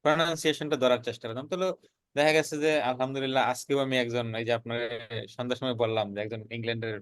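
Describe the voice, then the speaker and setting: A man's voice: medium pitch, fairly even intonation, very fast, a bit bright, clear, resonant tone, no room sound. A young man, telling the story of his freelancing career in an earnest, casual way and often repeating words as he builds a point. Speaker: freelancer guest.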